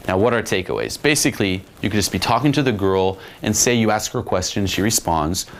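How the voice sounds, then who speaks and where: A man's voice: lowish voice, expressive, fast talker, slight background noise. A man giving a casual, blunt dating lesson, swearing freely as he explains. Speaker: dating coach. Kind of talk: instructional monologue.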